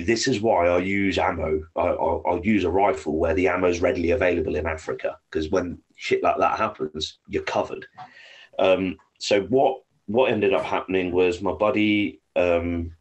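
A man's voice: sits low, breathy edge. A man with an English accent, a podcast guest telling rambling stories and swearing freely. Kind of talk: casual storytelling.

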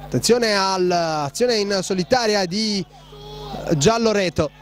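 A man giving breathless, excitable live play-by-play commentary on a futsal match. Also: high-pitched, measured pace, slight background noise. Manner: breathless, excitable, shouting on goals.

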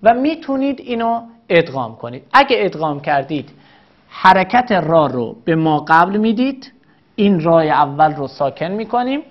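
A woman gives a methodical grammar lesson in a fairly low voice. She repeats every example slowly and patiently. The recording sounds dull and lo-fi. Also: sing-song. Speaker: teacher.

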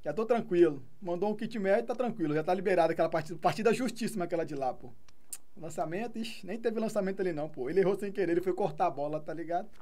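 A Brazilian woman streaming a football video game, commenting live in an excitable, taunting way and swearing often. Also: lowish voice, racing. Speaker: gaming streamer.

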